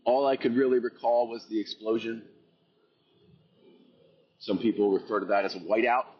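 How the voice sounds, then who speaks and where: A man's voice: mid-range voice, fairly even intonation, normal speed, dull audio. A man earnestly recounting a personal experience, intense and reflective, repeating phrases for emphasis.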